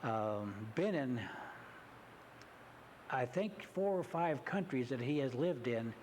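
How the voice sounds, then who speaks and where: Halting male hunting instructor. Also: mid-range voice, animated, darkish tone, a little hiss or hum. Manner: halting, full of hesitations. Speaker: hunter education instructor. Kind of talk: interview answers. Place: community TV studio.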